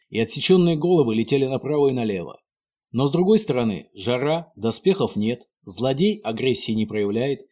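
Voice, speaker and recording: A man's voice: medium pitch, darkish tone, breathy edge. A man reading a fairy tale aloud in a playful, ironic storytelling manner. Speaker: narrator.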